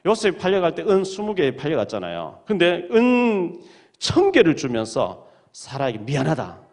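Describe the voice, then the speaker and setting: A man's voice: high-pitched, huge pitch swings, normal speed. A male pastor preaching a sermon in a church, reading scripture aloud and retelling the stories with dramatic emphasis. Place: church sanctuary.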